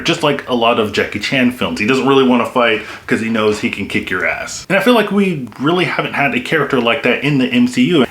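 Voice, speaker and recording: A young man reviews a film with casual enthusiasm, his mid-range voice fairly bright, sprinkling in lots of "like" and "you know." The recording has an echoey room sound.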